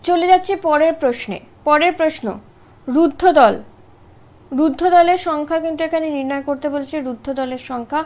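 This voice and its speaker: A woman teaching an exam-prep grammar lesson, explaining step by step and often checking in with short tag questions. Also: high-pitched.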